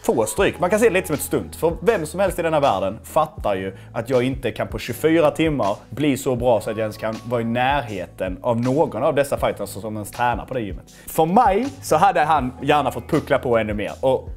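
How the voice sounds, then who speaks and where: A young man casually commenting on his own fight footage, animated and self-mocking, swearing freely. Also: medium pitch, hardly any pauses. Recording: faint music underneath.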